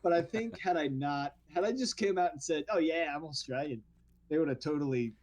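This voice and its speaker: Slightly high and slightly fast, the man's voice belongs to an actor from the New Orleans area. As a podcast guest, he tells lively stories in a relaxed chat, frequently backing up to restart.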